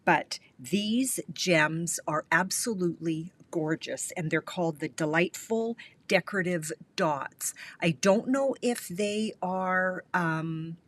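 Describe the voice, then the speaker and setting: Fighting a cold that makes her sound stuffy and slightly scratchy, a middle-aged woman from Canada chats through a casual live-stream craft tutorial and welcomes viewers by name. She speaks slowly, with a fairly low pitch and a bit of brightness.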